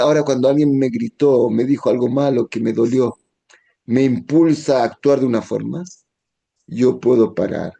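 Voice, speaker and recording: A man, a rabbi, teaching a Torah lesson in a gentle tone, now and then acting out the voices he quotes. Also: mid-range voice, vocal fry.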